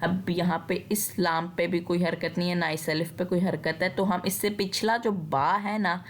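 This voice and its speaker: A woman's voice: fairly low pitch, fairly even intonation, moderate pace. A woman with a Pakistani Urdu accent teaching Quran recitation rules patiently, step by step. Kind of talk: tajweed lesson with recitation.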